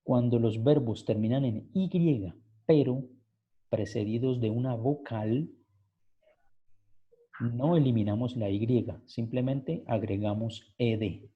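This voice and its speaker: A man's voice: mid-range voice, slow, slightly rough. A man teaching English grammar in an online class, patiently explaining step by step. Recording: muffled lo-fi video call audio.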